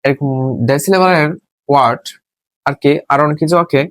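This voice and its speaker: A man's voice: a little high, a little fast, dry recording. A male teacher talks through a lesson in a dry, close sound with no room around it. He keeps circling back to the same rule and poses questions only to answer them himself. He breaks words apart and spells them out letter by letter. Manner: repetitive, asks and answers his own questions. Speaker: English teacher. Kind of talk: spoken classroom lesson.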